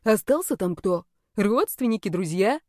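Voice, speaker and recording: A woman's voice: medium pitch, animated, normal speed, warm tone, dry recording, clean studio sound, close to an everyday voice. A woman voicing a cheeky young male naga student who teases with slang. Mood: teasing. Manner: teasing, slangy, brash.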